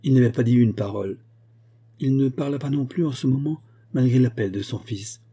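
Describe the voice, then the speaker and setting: A man reads a novel aloud in a measured, steady narration. His voice is very dark and carries a slight huskiness. He keeps an even storytelling pace. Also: medium pitch, husky. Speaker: audiobook reader. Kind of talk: scripted narration.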